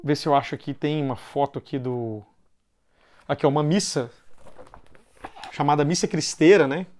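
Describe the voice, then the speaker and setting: This Brazilian Portuguese-accented man has a somewhat high, slightly mellow voice. He gives a casual explanatory talk, frequently tagging a questioning "né" onto his phrases, and moves loosely with pauses and false starts.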